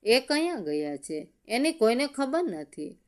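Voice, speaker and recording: A woman's voice: a little high, big pitch swings, takes it slowly, darkish tone. A woman voicing a stern old village headman who scolds a son with heavy disapproval. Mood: stern scolding.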